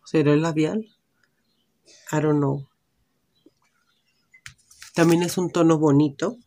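A woman's voice: low-pitched, steady tone, slow, mellow. A woman with a Mexican accent, chatting casually and thinking aloud while she tries on lipsticks at home. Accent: Mexican Spanish. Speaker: beauty vlogger. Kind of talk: casual lipstick try-on vlog. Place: indoors at home, natural light.

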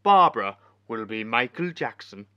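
A man playing a brash hotel owner who puts on a Scottish accent, loud, jolly and leering. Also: medium pitch, big pitch swings, normal speed, clean tone, dry recording, muffled recording, lightly acted. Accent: put-on Scottish.

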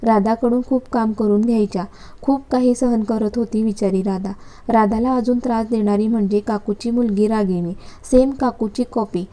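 A woman reading a story aloud at a steady, even pace. Her voice sits a little high, with a soft, mellow tone. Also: moderate pace. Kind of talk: story narration.

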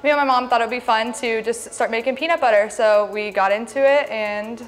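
A woman's voice: fairly high pitch, steady tone, a little fast, faint music behind. A young woman speaking as a guest on a TV show, a little shy and giggly, on a lapel mic in a studio. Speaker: guest, small business owner. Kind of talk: TV interview answers. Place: TV studio set.

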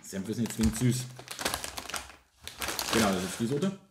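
A man's voice: fairly low pitch, animated, a little slow. Man, echoey room. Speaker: video co-host tasting snacks. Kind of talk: casual chat. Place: domestic room indoors. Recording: roomy echo, clear background noise.

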